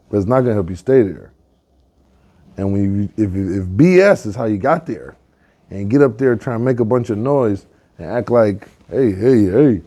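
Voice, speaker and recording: A man with a low, mellow voice tells fables and life lessons in relaxed slang. He moves from playful to reflective, pausing to draw out the moral. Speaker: guest entrepreneur. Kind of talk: casual storytelling.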